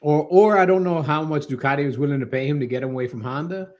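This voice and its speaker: A man's voice: on the high side, fast, darkish tone, muffled recording. A male panelist in a casual chat, slangy and emphatic, dwelling on his points. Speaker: podcast panelist.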